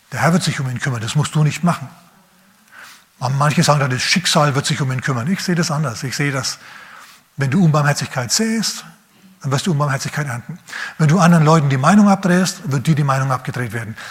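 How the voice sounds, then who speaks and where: Male pastor, sermon, fairly high voice, emphatic, questioning, shifts from urgent to hushed. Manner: emphatic preaching with rhetorical questions to the listener; swings between raised, urgent phrases and quiet, low asides.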